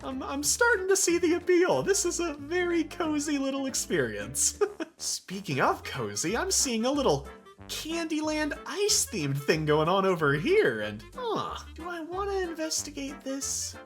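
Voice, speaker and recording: A woman's voice: sits high, huge pitch swings, a little slow, faint music behind. A woman giving casual, playful commentary on her gameplay, giggling often as she chats. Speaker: gaming YouTuber.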